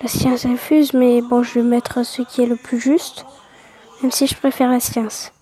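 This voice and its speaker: A woman hosting a casual gaming video, with a high pitch and a mellow, soft tone. She reads quiz questions aloud and answers them offhandedly. She drops into half-whispers now and then, keeping a fairly flat delivery. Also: unhurried. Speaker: video host.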